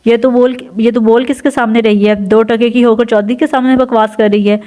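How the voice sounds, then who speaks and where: A woman's voice: on the high side, fairly even intonation, mellow, lightly acted. Brief: arrogant cruel village landlord, scornful, voiced by a woman narrator. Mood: contemptuous. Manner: contemptuous, bullying.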